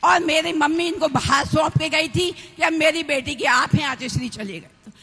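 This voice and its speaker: A woman in her fifties from Madhya Pradesh, giving an impassioned devotional tribute as a religious sister, often shouting her exhortations. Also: sits high, moderate pace. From Madhya Pradesh, India. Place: large hall at a religious gathering. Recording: echoey hall reverb.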